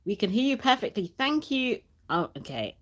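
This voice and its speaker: A young woman hosts a casual livestream on her channel, reading viewer comments aloud, chatting and laughing often. Her voice is on the high side, very animated and at normal speed, and she has a sore throat and a cough sweet in her mouth.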